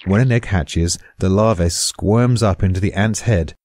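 A man's voice: low voice, a little slow, darkish tone, a little hiss or hum. A British man giving a scripted podcast explanation in a dry, darkly amused way.

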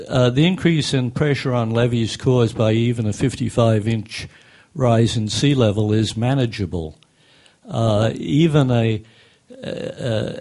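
A man's voice: medium pitch, warm tone. Older man giving technical public comment. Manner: measured, technical, many "uh" fillers. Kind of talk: public comment at a council meeting. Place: meeting room, indoors. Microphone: desk microphone on a stand.

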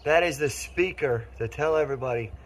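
A man gives a fairly quick, medium-pitched walking tour narration outdoors at a spring park, vlogging with a handheld camera and reacting excitedly to his discoveries. The recording is rough, with a little hiss or hum.

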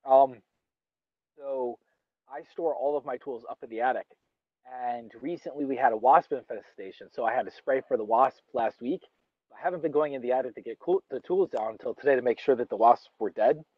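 This husky, medium-pitched young man talks fairly quickly as he eats outside beneath a yard tree, chatting loosely in a vlog full of fillers and restarts. There's no room sound, and the highs are cut off.

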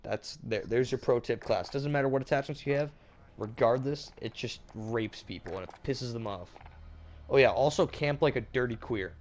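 A man's voice: medium pitch, moderate pace, darkish tone. Congested young man, crude and laughing. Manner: crude, profane, laughing often. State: congested from a cold. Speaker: gamer and channel host. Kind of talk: casual gameplay commentary.

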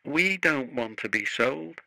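Man doing a squeaky, emotional small steam engine, storybook, bright tone. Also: animated, slow pace, no room sound, heavily acted, poor audio. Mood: miserable. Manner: high, breathless and emotional. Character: eager excitable small male steam engine.

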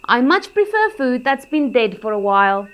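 A woman's voice: high-pitched, big pitch swings, moderate pace, a bit bright. A woman voicing a bald, smelly lappet-faced vulture who is smug about its revolting habits. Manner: smug, relishing disgust.

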